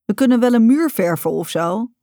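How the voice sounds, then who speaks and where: A firm mother who speaks with a sharp edge, voiced by a woman reading a children's book. Her voice sits slightly above the reader's own and comes across clear and direct. The recording is dry and close, with no room echo. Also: on the high side, lively intonation, moderate pace, voice pushed up. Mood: calm. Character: stern mother, adult woman, architect.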